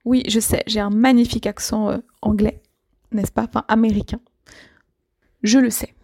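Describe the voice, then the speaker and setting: A woman with a high voice teaches an idiom to learners. She talks slowly and clearly, with patient explanations and many small fillers. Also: level tone, a little mellow. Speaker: French teacher.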